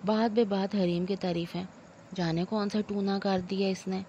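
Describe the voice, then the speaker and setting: A woman's voice: mid-range voice, steady tone, normal speed, dark tone, highs cut off, slight background noise, close to an everyday voice. A woman voicing an aging, self-pitying mother-in-law who scolds and laments theatrically. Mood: aggrieved. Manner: wailing complaints, theatrical laments.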